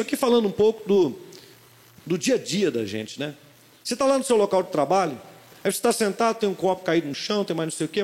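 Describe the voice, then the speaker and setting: A male pastor with a Brazilian Portuguese accent, preaching a sermon in animated storytelling and putting questions to the congregation. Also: a little high. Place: church. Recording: reverberant church hall.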